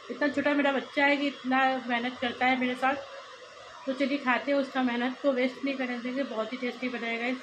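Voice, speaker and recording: Mom vlogging at home on her phone, chatty, a bit high voice, some faint room noise. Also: dull audio. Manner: chatty, coaxing with her kids, laughs often. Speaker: vlogger and mother. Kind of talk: casual home vlog chat.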